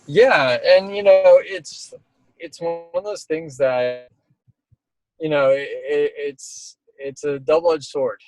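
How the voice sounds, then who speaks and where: A man's voice: on the high side, takes it slowly, a little mellow, no room sound, poor audio. A middle-aged man speaking as an interviewed storm chaser, casual and reflective, talking in rambling stop-start phrases.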